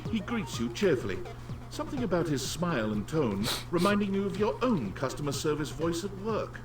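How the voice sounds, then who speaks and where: A man's voice: on the high side, big pitch swings, moderate pace, recorded from a distance, music in the background. A man reading scripted second-person narration for a video game. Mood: narrating. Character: storytelling narrator of a dating game.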